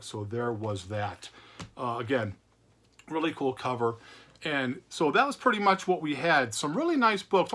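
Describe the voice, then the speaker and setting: Man, rambling casual vlog chat, repeats himself, slightly high voice. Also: fairly bright tone. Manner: rambling, repeats words, many fillers. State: recovering from illness. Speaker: comic book channel host.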